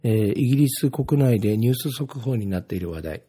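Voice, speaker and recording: A man from Ibaraki, Japan chats casually by himself, reading his posts aloud and rambling with lots of filler words. His mid-range voice is dark and husky, animated, and fairly quick.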